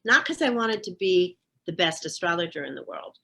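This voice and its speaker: The older woman guest, an astrologer, holds forth in a casual interview, emphatic, sure of herself and full of talk. Her lowish voice is animated, creaky, bright and forceful, delivered at normal speed.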